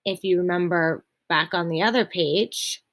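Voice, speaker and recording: A young woman teacher guides children through a reading lesson with patience and clear explanations. She slows down for each point and reads passages aloud very expressively. Her voice is fairly low and a bit bright.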